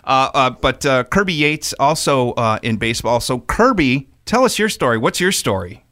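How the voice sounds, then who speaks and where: Radio host: man, casual and jokey, quick to interject. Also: medium pitch, big pitch swings, pushed and bright. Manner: chatty, jokey, eager interjections.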